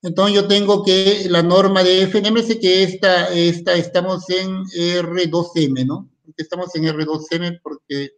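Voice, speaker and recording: A man's voice: high voice, level tone, a little slow, hardly any pauses. A man teaching a recorded university math lecture in in, thinking aloud and often stopping to ask "¿no?".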